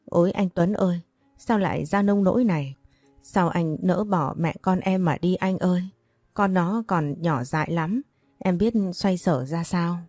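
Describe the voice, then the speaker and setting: A woman's voice: lowish voice, measured pace, a little mellow, no echo, soft background music. A woman voicing a young widowed mother who wails in despair in a storybook reading. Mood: wailing grief. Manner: wailing, despairing.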